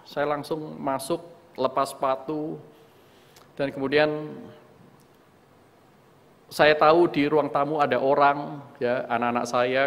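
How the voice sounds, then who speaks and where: A middle-aged man preaching a sermon, telling a story about himself and acting out his own outbursts, often calling his listeners "saudaraku". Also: medium pitch. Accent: Indonesian. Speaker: pastor. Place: church hall. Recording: long hall reverb.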